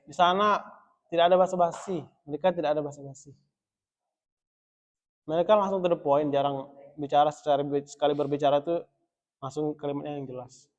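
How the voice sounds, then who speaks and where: A male religious teacher leads a relaxed Arabic class in a mosque, joking and chuckling as he explains. His voice sits a little on the high side. The recording is dull and lo-fi. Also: a little fast, long pauses. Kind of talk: casual classroom lesson. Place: mosque study room.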